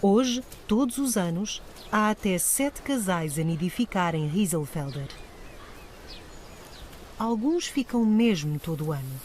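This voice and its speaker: A woman with a European Portuguese accent reads scripted nature documentary narration in a measured, articulate storytelling manner. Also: medium pitch, animated, darkish tone, slight background noise. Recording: music bed under voice. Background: music.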